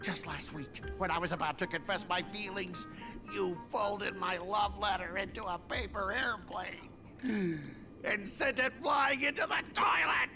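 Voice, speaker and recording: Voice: medium pitch, a little slow, creaky. An actor voicing a hot-headed, aggrieved schoolboy in a game, bombastic and indignant. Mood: indignant challenge. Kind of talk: theatrical scripted game voice acting. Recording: voice over loud game music.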